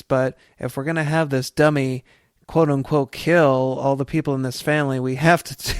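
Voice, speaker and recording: Smooth-voiced man musing on a podcast. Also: medium pitch, dry recording, clean studio sound. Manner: reflective, meandering storytelling. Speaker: podcast co-host. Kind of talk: casual podcast chat.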